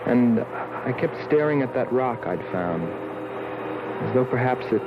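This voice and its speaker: A man's voice: medium pitch, expressive, a little slow, close to an everyday voice. An actor playing a brooding astronaut who narrates his memories in a scripted old film voice-over. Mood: foreboding. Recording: dull old film sound, loud background noise.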